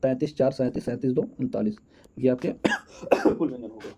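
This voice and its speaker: A man's voice: medium pitch, brisk, mellow, slight background noise. A man teaching an exam-prep lesson, counting out answers aloud and calling his viewers friends.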